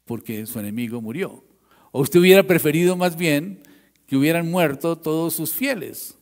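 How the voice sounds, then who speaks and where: A man's voice: fairly high pitch, a little mellow. A preacher voicing a blunt general who scolds his king, speaking in a stern, reproachful way.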